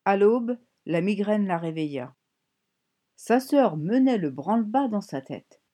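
A woman narrating a novel as an audiobook, in a measured, expressive reading. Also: medium pitch. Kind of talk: scripted narration.

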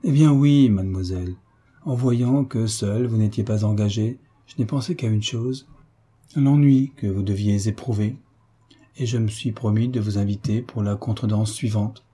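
A man's voice: on the low side, normal speed, husky. A man reading a polite, teasing young officer. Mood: courteous. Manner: courteous, gently mocking.

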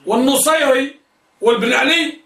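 High-voiced teacher in an echoey classroom. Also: male voice, moderate pace, fairly bright tone. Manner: questions students and drills answers. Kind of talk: classroom lesson. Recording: echoey room, mic at a distance.

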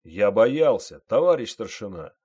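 A man voicing a frightened, drugged young male private who gives loud, strained replies, in an audiobook reading. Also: lowish voice, sing-song, a little slow, breathy edge, heavily acted.

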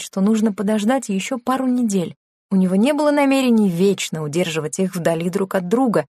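A woman narrating a novel in a measured, even reading style. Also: mid-range voice, husky, no room sound, clean studio sound. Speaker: audiobook narrator. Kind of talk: scripted narration.

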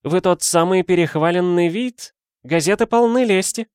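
A man voicing a haughty, sharp-tongued young married lady in an audiobook, with a scornful, imperious manner. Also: high voice, moderate pace, smooth, no room sound, clean studio sound, voice pushed up, close to an everyday voice. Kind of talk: audiobook character voice.

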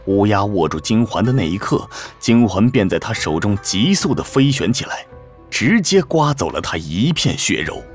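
A man's voice: lowish voice, very animated, moderate pace, faint music behind. A man narrating a dramatised story as a scripted, dramatic narrator.

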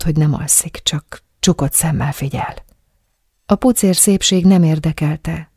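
Husky woman narrating an intimate story. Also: low-pitched, darkish tone, dry recording, clean studio sound. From Hungary. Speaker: audiobook narrator. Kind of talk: first-person audiobook narration.

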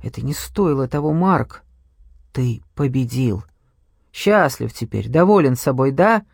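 A man's voice: a little high, lively intonation, moderate pace, gravelly, dry recording, studio quality. A man voicing a worn-down older mother, speaking in a strained, pleading way. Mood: anguished.

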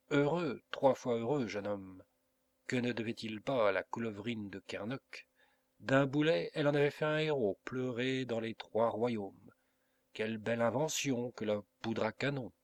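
A man's voice: mid-range voice, no room sound. Man reading an adventure novel dramatically. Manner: dramatic, expressive storytelling. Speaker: audiobook reader. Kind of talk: scripted narration of a classic novel.

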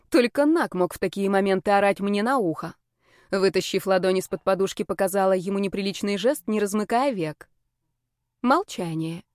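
A woman narrating a first-person audiobook in a lively, wry, expressive way. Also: medium pitch, dry recording, studio quality. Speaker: audiobook reader.

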